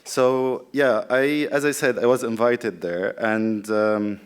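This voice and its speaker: A man from Syria, an artist giving a presentation talk, relaxed and thinking aloud with frequent fillers. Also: medium pitch, slow, smooth. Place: public talk venue.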